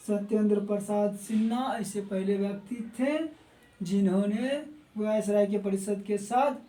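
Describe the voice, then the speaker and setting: A man's voice: high-pitched, warm tone. Man lecturing in an echoey room. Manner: repeats key words and quizzes listeners with quick questions; stumbles and restarts words. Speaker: teacher. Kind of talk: exam-prep history lecture. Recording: roomy echo, mic at a distance.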